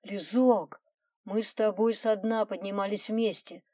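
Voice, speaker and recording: A woman's voice: mid-range voice, steady tone, a little slow, dark tone, no echo, clean studio sound, close to an everyday voice. A woman voicing a loving husband who begs his wife to open the door, urgent and emotional. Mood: tender. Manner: urgent pleading. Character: loving husband, pleading and determined.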